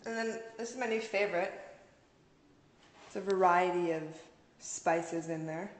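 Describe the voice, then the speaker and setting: A woman's voice: fairly low pitch, unhurried. A woman in her thirties hosting a casual home cooking video, chatty and giggly, filmed on a camera mic in a large home kitchen. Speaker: cooking vlog host. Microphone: camera mic across the room. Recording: echoey kitchen with hiss.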